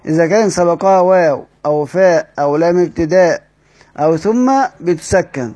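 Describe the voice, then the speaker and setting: A man's voice: on the high side, normal speed, mellow. A man with an Egyptian accent teaching a lesson step by step, reading out quoted passages and asking the class questions that he answers himself. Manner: explains step by step, asks the class rhetorical questions and answers them. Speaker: Quran recitation teacher.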